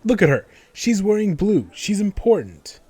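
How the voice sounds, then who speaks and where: A man's voice: high voice, very animated, normal speed, warm tone, husky. A man giving casual let's play commentary in a sarcastic, joking, sweary way. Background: game music.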